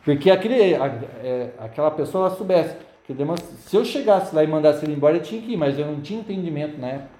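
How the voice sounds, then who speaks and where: A man's voice: a little high, lively intonation, fast talker, dark tone, echoey room. A man preaching a sermon and telling his own story, acting out the voices of demons and people. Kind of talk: sermon testimony.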